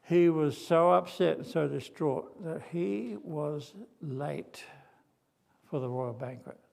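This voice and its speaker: A man's voice: on the high side, takes it slowly, gravelly, a little mellow. An older man from Australia preaching a sermon, telling a story with drama, humor and acted quotes. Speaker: pastor. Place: church.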